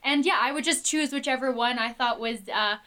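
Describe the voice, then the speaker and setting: Chatty young woman, higher voice. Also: a little fast, bright, forceful tone, slight background noise. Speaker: guest. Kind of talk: casual chat.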